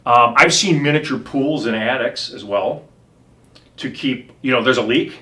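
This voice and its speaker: A home inspector, a middle-aged man with a bright, forceful, medium-pitched voice, shares casual stories. He rambles through loose conversation, pausing on ums and restarting sentences.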